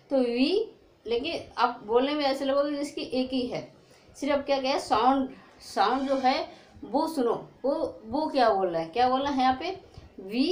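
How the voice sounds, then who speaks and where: A woman teaching an English pronunciation lesson, asking questions and answering them herself. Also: high voice. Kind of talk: classroom-style lesson. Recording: echoey room.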